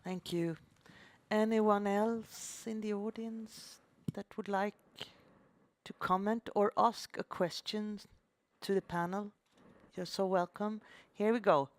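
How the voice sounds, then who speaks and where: Slow, gravelly woman moderating. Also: mid-range voice, fairly even intonation, no echo. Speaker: conference moderator. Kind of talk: moderating a panel.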